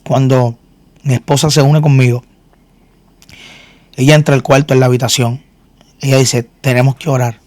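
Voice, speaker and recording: A man's voice: medium pitch, little pitch movement, moderate pace, long pauses, a little mellow, dry recording. A man speaking earnestly in a faith interview, in an ordinary middle voice. He often restarts and repeats words as he gives his testimony. The sound is dry and close. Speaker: guest minister and singer.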